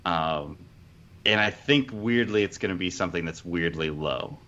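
A man chatting casually as a podcast panelist, thinking aloud in a halting way, on a dull recording. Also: deep voice, pushed and bright, a little hiss or hum. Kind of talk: casual football discussion.

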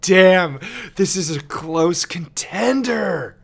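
A man co-hosting a casual podcast, his voice swinging up and down in pitch as he talks. He gets excitable and swears freely, with a fairly high, animated delivery. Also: drawn-out words, gravelly. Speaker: podcast co-host.

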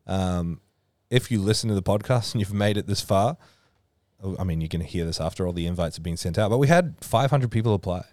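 A low-voiced man hosts a podcast, talking quickly in a relaxed, casual way and explaining things at length with plenty of fillers. He is a podcast host who also organises powerlifting events. The recording has studio quality with no room sound.

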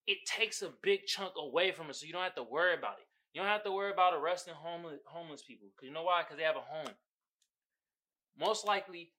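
Profane, animated male podcast host. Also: high-pitched. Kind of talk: casual podcast rant.

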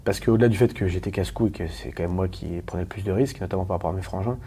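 A man from Paris, a guest talking candidly in an interview, rapid and emphatic with many restarts and questions to the listener. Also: low voice, dark tone, slight background noise. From Paris, France.

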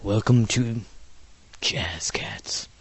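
A man voicing a laid-back male jazz cat in a raspy, slow, low drawl. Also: in a whisper, exaggerated voice. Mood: cool. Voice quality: raspy, gravelly. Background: keyboard music.

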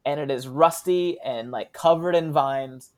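A man's voice: a little high, a little slow. A man, a sketch comedian, chatting casually as an interview guest, laughing often as he tells stories. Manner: laughs often, relaxed storytelling with fillers.

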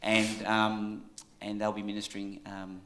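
An Australian man giving an informal church tribute in a halting, conversational way, often checking in with his listeners. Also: fairly low pitch, monotone, pushed and bright, slight background noise.

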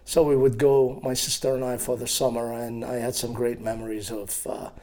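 A man in his sixties from Iraq, telling his life story in an interview with a hesitant, halting manner and many fillers. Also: mid-range voice, level tone, warm tone. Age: 60s. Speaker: guest.

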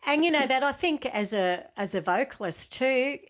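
A woman's voice: high voice, expressive, normal speed. A woman with an Australian accent hosting a casual interview, chatty and encouraging with her guest. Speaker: interview host, singer.

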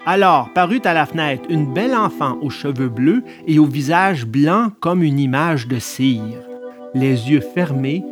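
Slow, expressive storybook narrator. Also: mid-range voice, music in the background.

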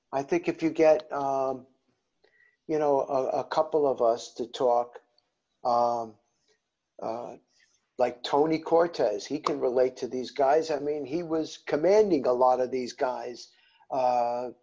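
A man's voice: medium pitch, takes it slowly, a little mellow, muffled recording. An older man with a New Jersey accent, a veteran guest talking casually on a call, rambling with many fillers. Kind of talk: casual video-call interview.

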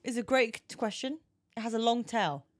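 A British woman chatting on a podcast with a playful, laughing manner. Her voice sits a little high. She talks easily and keeps things light. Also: expressive, normal speed, no echo, studio quality. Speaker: podcast co-host. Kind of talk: casual chat.

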